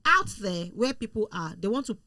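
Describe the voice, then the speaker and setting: A woman in a casual discussion, telling stories with animated acted-out quotes. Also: medium pitch, normal speed, no room sound, studio quality. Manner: animated storyteller, acts out quoted people. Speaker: show guest.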